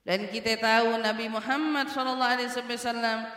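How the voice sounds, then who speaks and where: A woman religious teacher, giving an informal sermon in a lively, teasing way full of rhetorical questions. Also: on the high side, brisk. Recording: echoey hall with long reverb.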